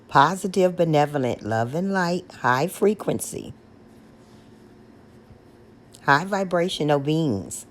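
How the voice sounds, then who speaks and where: On her front porch, a woman with a deep, coarse voice slowly, gently and repeatedly calls out to spirits in hushed, pleading tones, then turns to casual chat with her viewers. She's a paranormal vlogger using an external microphone, and the audio carries a little hiss or hum.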